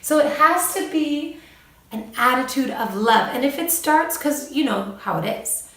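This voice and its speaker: Chatty mom vlogger, gravelly voice in an echoey room. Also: female voice, high-pitched, unhurried, distant mic. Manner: chatty, laughs often, animated when quoting her children. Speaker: mom vlogger giving parenting advice. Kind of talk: casual advice vlog.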